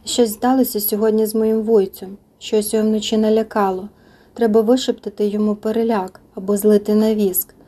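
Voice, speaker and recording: A fretful, suspicious old mother-in-law from an audiobook, as a woman reads her part. She complains in a dark, mellow tone with a husky edge. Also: medium pitch, flat delivery, brisk, close to an everyday voice.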